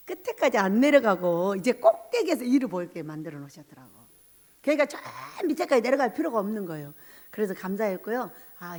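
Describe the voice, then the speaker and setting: Woman pastor, Sunday sermon, high voice with big swings, storytelling style. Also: big-room sound. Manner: animated storytelling, acting out quoted voices.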